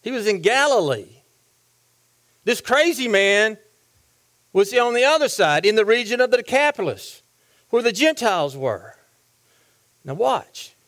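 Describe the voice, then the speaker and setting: A man's voice: high-pitched, very animated, measured pace, pauses often, fairly bright tone. A man preaching a sermon, asking the congregation questions and answering them himself. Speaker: pastor.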